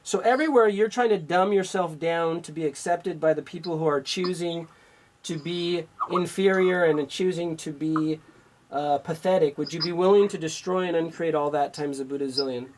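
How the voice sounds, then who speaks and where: A man's voice: on the high side, normal speed, slight background noise, poor audio. A man working as an energy healer on a radio call-in show, talking in an instructive way. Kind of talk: call-in healing session.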